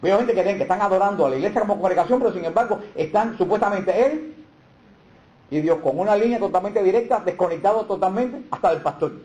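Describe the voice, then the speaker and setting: A man giving a catechism lecture with emphatic stresses and rhetorical questions. His voice sits a little high but has a dark, mellow tone. The room around him is echoey. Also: fast talker.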